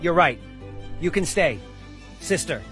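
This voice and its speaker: A man's voice: on the high side, lively intonation, a little slow, fairly bright tone, faint music behind. A man playing a greedy, contemptuous rich heir in a scripted drama, scornful and dismissive.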